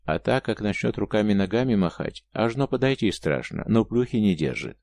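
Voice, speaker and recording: A man voicing a gloomy, taciturn male warrior who speaks gravely and disapprovingly. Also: on the low side, expressive, a little fast, darkish tone, dry recording.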